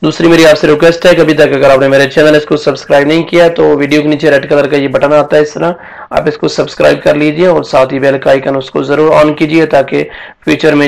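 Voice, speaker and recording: High, gravelly-voiced male Quran teacher. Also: flat delivery, poor audio. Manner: patient, explains letter by letter, then chants verses slowly. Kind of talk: tajweed lesson with slow chanted recitation.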